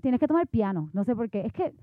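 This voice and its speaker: Mujer puertorriqueña que habla rapidísimo. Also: female voice, on the high side, no echo. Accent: Puerto Rican Spanish. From Puerto Rico. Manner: lively, laughing, mixes in English words. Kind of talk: casual chat. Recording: phone-like, dry sound.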